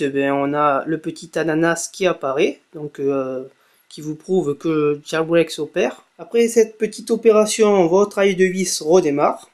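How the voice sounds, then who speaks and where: A man's voice: a little high, darkish tone. Chatty young man explaining a tutorial. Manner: chatty, many fillers and self-corrections. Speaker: tech video blogger. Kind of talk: casual screen-recorded tutorial.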